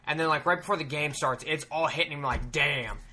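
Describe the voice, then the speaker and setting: Young male podcast host, bright and slightly high voice, profane rambling storyteller. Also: fast, slight background noise. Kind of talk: casual storytelling.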